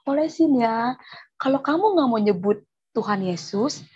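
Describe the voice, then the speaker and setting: Warm-hearted neighbor woman, played by a female storyteller, earnest and reassuring, breathy, dull recording. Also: a little high, lively intonation, a little slow, no echo, exaggerated voice.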